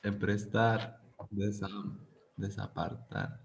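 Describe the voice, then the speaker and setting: A man's voice: on the low side, slow pace, creaky, a little hiss or hum. An Ecuadorian man, a student, reading a word list aloud hesitantly in class. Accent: Ecuadorian Spanish.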